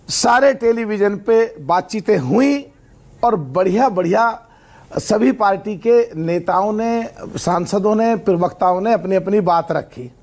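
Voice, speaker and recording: Male TV panelist, high voice, long-winded, example-driven. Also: darkish tone. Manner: long-winded, builds points through examples, pleads not to be interrupted. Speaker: political debate panelist. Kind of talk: heated TV debate argument.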